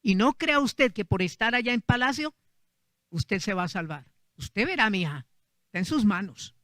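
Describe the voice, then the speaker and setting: Un hombre que hace de un tío mayor y firme que aconseja y amonesta a su sobrina. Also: male voice, sits high, animated, moderate pace, fairly bright tone, no room sound. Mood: admonishing. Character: older man, firm counseling uncle.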